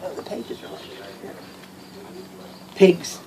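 A woman's voice: mid-range voice, expressive, normal speed. A sweet old lady, a grandmother in her sixties or older, reading a picture book aloud to a toddler in a coaxing, playful way, recorded outdoors by a camera a few feet away. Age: 60s or older. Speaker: grandmother reading to a small child. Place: outdoors on a house porch. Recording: noisy outdoor camera audio.

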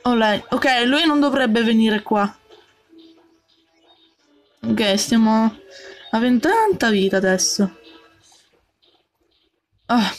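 Gaming host, female, bright higher voice, slow unhurried delivery, jumpy with little yelps. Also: animated, soft background music. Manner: jumpy, talks to the game character and viewers, frequent yelps. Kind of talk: let's play commentary.

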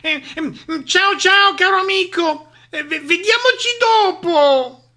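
A man voicing a nervous owl in a storybook reading, high and stammering. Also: slow, sharp tone, heavily acted.

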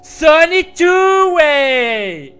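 A man voicing Sonichu, a cocky male electric hedgehog hero, in a gruff, exaggerated macho tone. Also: very high-pitched, lively intonation, measured pace, bright, forceful tone, faint music behind, heavily acted. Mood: boastful.

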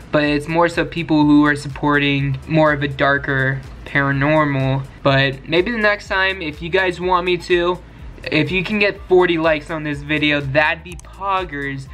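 A man's voice: on the high side, pushed and bright. A young man vlogging casually from a bedroom, chatty and slangy as he talks straight to his viewers. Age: young adult. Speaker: urban exploration vlogger. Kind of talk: casual vlog talk to camera. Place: small bedroom lit with LED strips.

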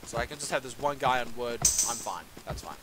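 A man's voice: medium pitch, expressive, a little fast. Rambling young man over a hissy mic. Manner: rambling, self-deprecating, many fillers. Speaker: game tutorial presenter. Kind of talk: casual gameplay commentary.

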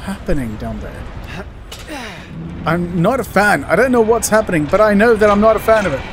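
A man's voice: sits high, sing-song, normal speed, a little hiss or hum. A man giving casual, jokey commentary while playing a video game, talking to objects and characters on screen. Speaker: let's play gamer.

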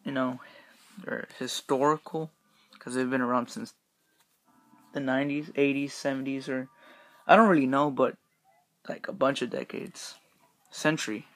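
A man's voice: medium pitch, moderate pace, long pauses, fairly bright tone, dry recording. A young man reviewing a Halloween mask in a casual, rambling way, talking through the rubber mask he is wearing. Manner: rambling, filler-heavy, upbeat. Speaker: YouTube reviewer.

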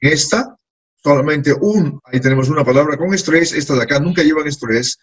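A man teaches a classroom lesson. His voice sits a little high and sounds husky and breathy. He repeats words patiently for his students. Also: a little fast, highs cut off. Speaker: English teacher.

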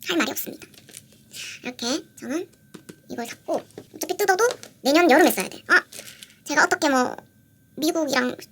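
A young woman vlogging as she unboxes merchandise, gushing and excitable, repeating how cute everything is. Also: high-pitched, brisk, long pauses. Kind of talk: casual unboxing vlog. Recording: audible background noise with crinkling packaging.

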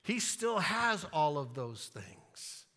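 A man preaching from a church platform, his voice bright and ringing with a slightly raised pitch. He speaks slowly and deliberately, leaning into emphatic lines and acting out scenes in playful asides. The sound carries a long reverb from the sanctuary. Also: sing-song. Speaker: pastor. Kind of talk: sermon.

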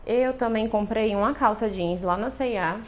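A woman's voice: medium pitch, moderate pace. A young woman vlogging a casual clothing try-on, chatting straight to her viewers with lots of cute diminutives, recorded on a lapel mic in her living room. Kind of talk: casual try-on haul vlog. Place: apartment living room by a balcony window. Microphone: clip-on lapel mic.

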